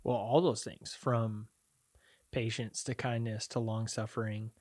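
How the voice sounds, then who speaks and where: This low-pitched man in his thirties co-hosts a podcast, speaking flatly and a bit slowly in a darkish tone. His studio-quality recording has no room sound. In a casual faith discussion, he reflects on love in a rambling way, often restarting and correcting himself.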